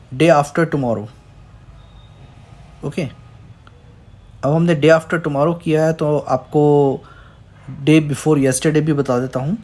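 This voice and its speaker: A man teaching a language lesson, spelling out words slowly syllable by syllable and listing verb forms. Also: a little high, darkish tone. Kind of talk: explaining Korean words in Hindi.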